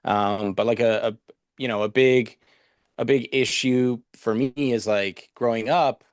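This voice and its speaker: A Canadian man, a nutrition professional appearing as a podcast guest, chats casually in an interview, rambling with lots of fillers and restarts. His mid-range voice is steady in tone and a little slow, recorded at studio quality with no room sound.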